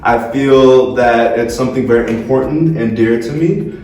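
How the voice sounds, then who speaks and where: A man's voice: mid-range voice, normal speed, darkish tone. A man in his early thirties from Florida, introducing himself sincerely as a reality show cast member. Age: 30s. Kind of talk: casual self-introduction. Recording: echoey room, distant mic.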